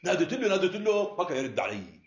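A man's voice: high-pitched, big pitch swings, very fast. An actor playing a deferential middle-aged henchman in a Syrian period drama, explaining earnestly with a Damascene accent. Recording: muffled, echoey room.

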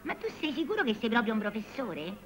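A woman's voice: fairly high pitch, sing-song, quick pace, background noise. An actress playing a grumbling, nosy, sceptical household woman in a film comedy.

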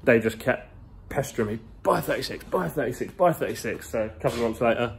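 A car vlogger in his twenties talks fast with lively intonation in a gravelly, mid-range voice while walking through a large indoor garage workshop. He films with his phone at arm's length, chatting casually and rambling in slang, with a little hiss or hum in the background.

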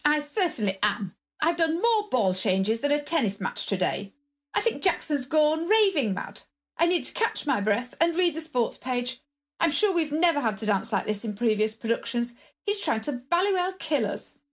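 A woman's voice: sits high, very animated, moderate pace. A woman voicing a posh older lady full of old-fashioned slang. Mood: chatty. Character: plummy upper-class woman Rose, tired.

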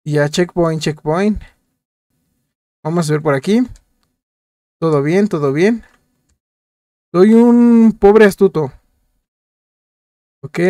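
A man's voice: fairly high pitch, mellow, no room sound. A man casually commenting on his gameplay, joking and talking to viewers while repeating short words in bursts. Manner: chatty, jokey, talks to viewers while playing. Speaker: gameplay youtuber.

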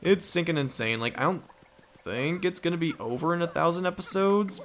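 A young adult man talks fairly quickly in an expressive, slightly high and somewhat bright voice while hosting a let's play. His casual, rambling remarks sit over the game's background music.

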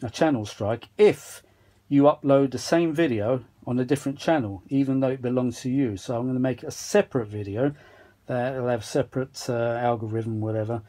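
Working at an indoor workshop bench, a British hobbyist who repairs vintage audio and films videos keeps up a casual, wandering, self-mocking monologue. He speaks in a mid-range voice at moderate pace, with steady machine noise behind him.

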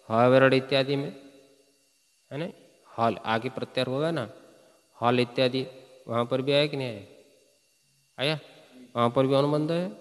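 Slow-paced man teaching Sanskrit grammar. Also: medium pitch, fairly bright tone, big-room sound. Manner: slow, chants verses, quizzes students with questions. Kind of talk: classroom lecture.

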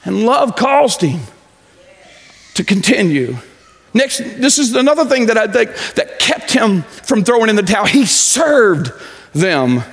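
A pastor in his forties preaching a sermon on a large church stage, pacing as he talks and swinging from loud to low. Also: sing-song, a little slow. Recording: echoey church hall.

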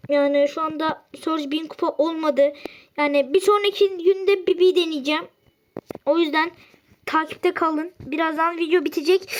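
A woman giving live gameplay commentary, excitable and often exasperated as she plays. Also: very high voice. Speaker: gaming channel host.

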